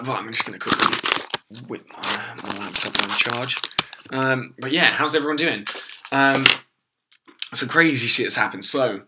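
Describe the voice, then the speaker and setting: A young Englishman, hoarse from losing his voice, rambles casually through a live stream, full of ums and swearing. His voice is mid-range, and the recording is very noisy.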